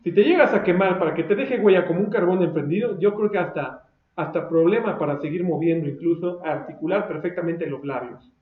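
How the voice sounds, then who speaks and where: A pastor with a Mexican accent preaching a fiery, confrontational sermon with mocking asides, recorded for video. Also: male voice, fairly high pitch, fairly quick. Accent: Mexican Spanish. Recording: roomy echo, dull lo-fi sound.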